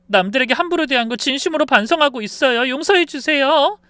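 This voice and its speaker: A man's voice: very high-pitched, expressive, fast, pushed and bright, dry recording, voice pushed up, exaggerated voice. A man voicing a tearful young woman who pleads for forgiveness in a storybook reading. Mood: tearful pleading. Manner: pleading, sobbing.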